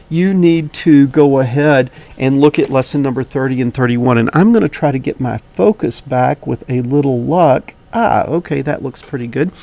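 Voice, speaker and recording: Wheezy, higher-voiced man teaching online. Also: mellow. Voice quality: slightly wheezy. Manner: folksy, chatty, addressing viewers directly. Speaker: online tutorial teacher and host. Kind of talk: casual instructional video lesson.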